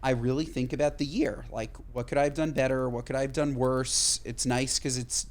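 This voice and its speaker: This podcast co-host keeps things casual, talking emphatically in quick bursts and swearing freely. His mid-range voice has fairly even intonation.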